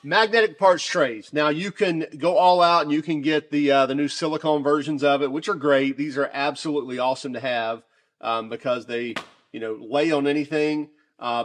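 A man casually reviewing shop tools off camera, talking in a chatty, relaxed way with many fillers and restarts. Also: medium pitch, slight background noise. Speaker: tool reviewer.

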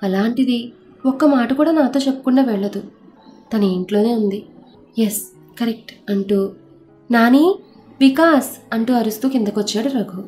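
A woman narrating an audio story in a steady, even manner. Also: on the high side, normal speed, soft background music.

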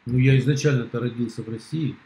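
A man's voice: mid-range voice, steady tone, quick pace, warm tone, low-quality recording. Blunt mocking middle-aged man. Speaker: video call participant. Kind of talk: heated casual argument. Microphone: video call.

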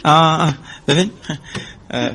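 A man's voice: a little high, background noise, close to an everyday voice. A man playing a tired, defensive husband in an audio drama, pleading and insisting it was a joke. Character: tired, defensive husband caught holding a knife. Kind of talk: amateur audio drama acting.

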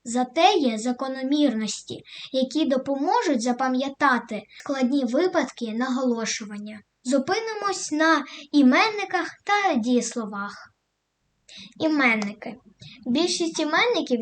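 A woman teacher giving a scripted lesson, stressing each example word clearly. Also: high voice. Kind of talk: scripted educational narration.

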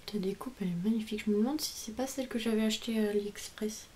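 A woman's voice: mid-range voice, quick pace, background noise. A woman hosting a craft video, chatting casually and gushing over cards and stamps she has received, stumbling a little over English phrases. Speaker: craft channel host opening mail. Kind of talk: casual unboxing chat.

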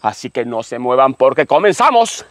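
A man, presenting a children's show outdoors in an animated, enthusiastic way and interviewing. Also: mid-range voice, normal speed, noisy background. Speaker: host of a children's educational show. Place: outdoors on a rural hacienda.

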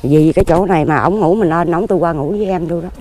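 A woman's voice: lowish voice, quick pace, warm tone. A woman in her fifties with a Southern Vietnamese accent, talking plainly and at length as an interviewee. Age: 50s. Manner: plain-spoken, rambling and earnest. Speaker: interviewee, lottery ticket seller. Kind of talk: casual interview. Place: outdoors among graves.

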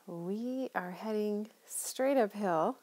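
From inside a car, a middle-aged woman gives a driving tour of a neighborhood, sounding like a friendly local guide. Her medium-pitched voice is mellow and warm, and she speaks slowly. She comes across as chatty and enthusiastic.

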